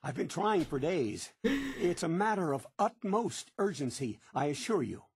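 A man's voice: fairly high pitch, very animated, slow pace, a little mellow, a little hiss or hum, full character voice. An actor playing a pushy, cheerful male bunker salesman, eager sales patter, heard as game clips played into a prank call.

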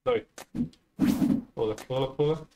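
A man's voice: medium pitch, wildly swooping pitch, slow, gravelly, highs cut off, heavy background noise. A man casually commenting on his own gameplay, chatting to viewers with frequent exclamations. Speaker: gameplay streamer. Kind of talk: casual let's-play commentary.

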